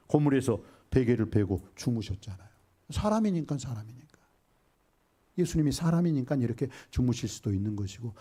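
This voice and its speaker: A middle-aged male pastor preaching a sermon, acting out Bible scenes with sudden loud and hushed lines and asking the congregation questions. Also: medium pitch. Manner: asks the congregation questions and has them repeat after him. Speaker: senior pastor.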